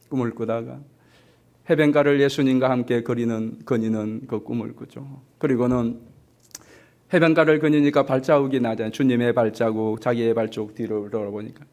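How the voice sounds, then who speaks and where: A man preaching a sermon as pastor, emphatic, swinging from low asides to high climaxes. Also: a little mellow. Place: church sanctuary.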